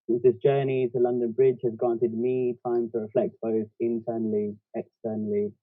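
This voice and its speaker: A man reading his poem in a measured, even way. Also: lowish voice, no echo. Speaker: poet. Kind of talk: poetry reading. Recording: tinny phone-like dry audio.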